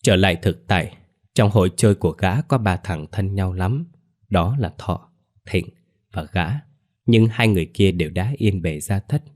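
A man narrating a ghost story in a measured, somber storytelling manner. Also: low-pitched, darkish tone. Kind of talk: scripted narration.

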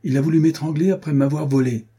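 A man voicing a sanctimonious cheating male card sharp in an audiobook, with an unctuous, pious manner. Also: a little high, fast, husky, voice pushed up.

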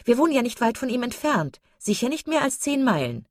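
A woman voicing a cheerful, gushing young wife who chatters in a high, breathless, laughing voice. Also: sing-song, a little fast, dry recording, clean studio sound. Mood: chattering.

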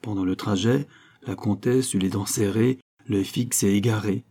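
Male audiobook narrator, low and husky, measured dramatic delivery. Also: steady tone, mellow. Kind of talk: novel narration.

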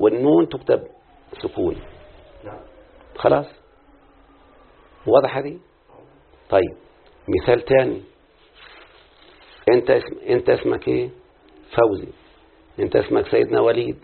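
A man's voice: mid-range voice, gravelly, slightly rough. A man with an Egyptian Arabic accent teaching a classroom lesson on prosody, speaking straight to his pupils and drawing out syllables as he explains. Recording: tinny phone-like lo-fi recording.

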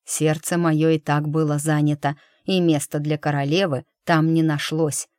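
A woman reading a gruff, blunt young male battle mage in an audiobook, speaking in a dry, matter-of-fact, grumbling way. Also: low voice, little pitch movement, moderate pace, a little mellow, no room sound, close to an everyday voice.

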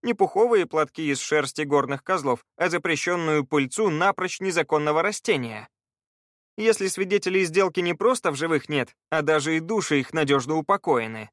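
A man reading an audiobook, voicing a cheerful, practical male treasure hunter in a raised, lively voice. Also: a little high, moderate pace, no room sound, studio quality, pitched above the performer's own voice. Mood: brisk.

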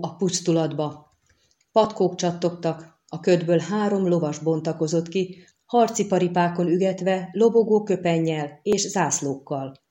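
A woman narrating a fantasy novel with steady storytelling. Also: on the low side. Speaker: audiobook narrator. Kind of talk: scripted narration.

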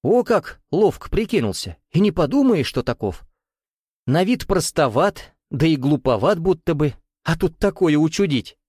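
A man's voice: fairly high pitch, big pitch swings, moderate pace, darkish tone, slightly rough, no echo, clean studio sound, voice pushed up. A man voicing a jovial, sly bearded Russian nouveau-riche man who teases in a folksy, coaxing way with veiled menace.

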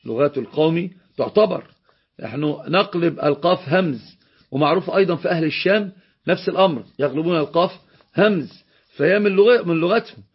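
A man's voice: a little high, husky, dull audio. A man with an Egyptian accent teaching a religious law lesson, explaining a text and repeating key phrases for emphasis. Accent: Egyptian Arabic.

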